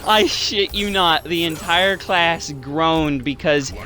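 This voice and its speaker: A man's voice: a little high, takes it slowly, sharp tone, faint music behind. A young man in his twenties hosting a gaming channel, rambling through a casual story with lots of swearing and fillers.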